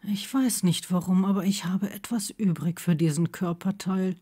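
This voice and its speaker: A woman's voice: mid-range voice, slow pace. Neville, a woman voicing a murmuring young man. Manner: soft, murmured, partly whispered lines. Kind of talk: audiobook character voicing.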